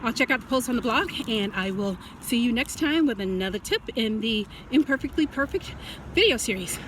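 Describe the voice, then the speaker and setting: A woman's voice: fairly high pitch, animated, fairly quick, fairly bright tone. An American woman, out of breath from walking, gives casual advice as a video host while speaking through a face mask. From United States. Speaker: host of a writing-tips video series. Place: outdoors, walking. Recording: outdoor traffic and street noise.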